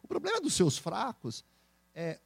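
A man with a Brazilian accent, a speaker and entrepreneur, telling stories in a casual interview with animated laughter. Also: high voice, creaky, husky, dry recording. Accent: Brazilian Portuguese. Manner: animated, laughing, quick storytelling.

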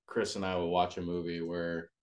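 A young man co-hosts a casual podcast in a fairly low voice. He talks in a relaxed, easygoing way and laughs often. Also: normal speed. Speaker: podcast co-host. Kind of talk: casual chat.

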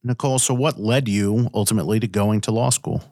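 Guy interviewer with a lowish voice, asks measured questions, very dry recording. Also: a little mellow, no echo. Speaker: interviewer, host.

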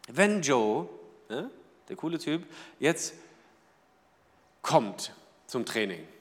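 A man preaching a sermon in a lively way, asking the audience questions and acting out small everyday scenes. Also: mid-range voice, slow pace, in a large hall. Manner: lively, asks the audience rhetorical questions, acts out little scenes. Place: church hall.

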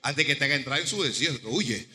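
A man pastor preaching a sermon with animated delivery, acting out dialogue. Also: mid-range voice, fast talker, long reverb tail.

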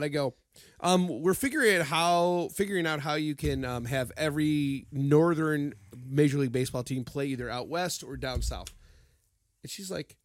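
Male co-host, slightly high voice, rambling and jokey; dry, close sound. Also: no echo. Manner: rambling, joking, lots of fillers. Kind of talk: casual sports chat.

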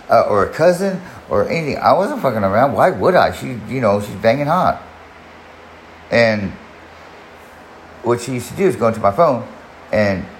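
A man in his forties telling a long personal story on his podcast, rambling and swearing, with many restarts. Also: mid-range voice. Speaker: podcast host. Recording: echoey room, faint background noise.

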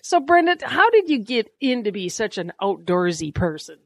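A woman's voice: a little high, sing-song, normal speed, no room sound. A woman hosting a casual outdoor podcast from a small cabin, talking in a chatty, folksy storytelling way. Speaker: podcast host. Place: small lakeside cabin, indoors.

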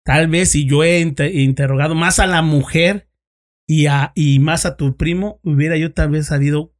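A Mexican-accented man with a slightly high voice tells a story from his time as a police investigator. He swears freely, drops crude street slang, and plays out both sides of the conversation as he goes. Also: steady tone, normal speed. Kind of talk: casual storytelling among friends.

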